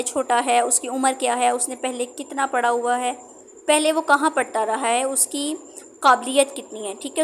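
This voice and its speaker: A woman's voice: high-pitched, slight background noise. A woman with a sore throat giving a lesson to Quran tutors, explaining steadily and checking in often. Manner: steady explaining tone with frequent "theek hai" check-ins. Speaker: Quran teacher training tutors. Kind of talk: instructional talk.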